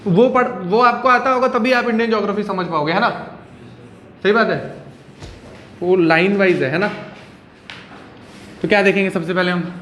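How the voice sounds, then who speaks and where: Male teacher, high voice, classroom lecture, chatty, checks in with students, faint hiss. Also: moderate pace, pauses often, fairly bright tone. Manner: conversational, keeps checking in with students.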